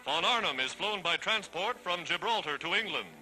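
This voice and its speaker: A man's voice: high-pitched, expressive, moderate pace, poor audio. A man giving 1940s wartime newsreel narration in a declamatory, stirring and triumphant way. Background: loud music.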